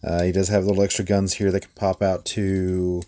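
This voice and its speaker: A man reviewing toy figures in a relaxed, rambling way, with many fillers and small laughs. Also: sits low, normal speed. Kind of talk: casual hands-on toy review.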